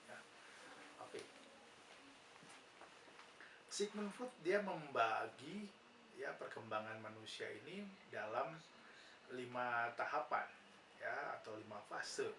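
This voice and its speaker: This Indonesian-accented man lectures on nursing psychology in a mid-range, sharp voice with lively intonation, speaking slowly with long pauses. He patiently explains things, poses questions and answers them himself, filling gaps with "ya." The recording is roomy and distant, with background noise.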